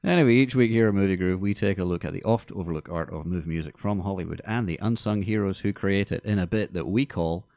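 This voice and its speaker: A man's voice: low-pitched, fast talker, few pauses, a little mellow, no echo. A man hosting a film podcast in a studio, chatting in a jokey, rambling way with many fillers. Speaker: podcast host. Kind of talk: casual chat about film music.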